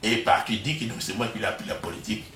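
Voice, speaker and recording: A retired professor, an older man with a Congolese French accent, is an interview guest in his living room, speaking proudly and expansively and laughing easily. His voice is lowish and bright, with fairly even intonation and a quick pace. The recording is roomy and distant, with slight background noise.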